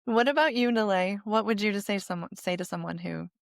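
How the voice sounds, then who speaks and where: A woman hosting a recovery podcast, speaking in a reflective, measured way. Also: mid-range voice, vocal fry, no echo, clean studio sound. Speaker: podcast host. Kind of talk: casual chat.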